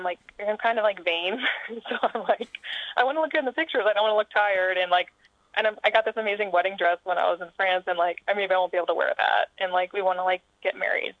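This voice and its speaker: Gravelly woman on a tinny phone line. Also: lowish voice, little pitch movement, fast talker, dry recording. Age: 30s. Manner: chatty, filler-heavy, rambling. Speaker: guest. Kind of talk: casual chat over a phone line.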